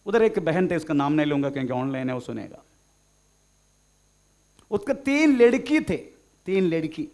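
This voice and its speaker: A man's voice: fairly high pitch, big pitch swings, normal speed, pauses often, a little mellow. A man preaching a sermon in Hindi, mixing in English phrases and often calling out "praise the Lord" and "amen". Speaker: pastor.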